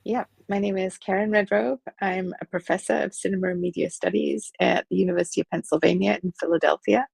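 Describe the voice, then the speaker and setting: A middle-aged woman from England with a Liverpool accent, a professor being interviewed, talking thoughtfully with many pauses and ums. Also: medium pitch, steady tone, creaky, darkish tone, breathy edge, dry recording. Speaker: professor, guest. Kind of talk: conversational interview.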